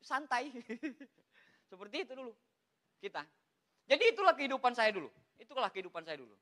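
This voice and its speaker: A man giving a lively, joking motivational talk, repeatedly addressing his audience as "Pak". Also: extremely high pitch, fairly quick. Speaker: MLM motivational speaker.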